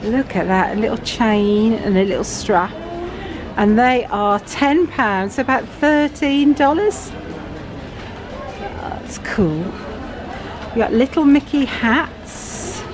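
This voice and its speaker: A middle-aged British woman vlogging from a big store, chatting excitedly about items and their prices. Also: on the high side, takes it slowly. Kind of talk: shopping vlog walkthrough. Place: large busy store indoors. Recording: store music and crowd noise behind.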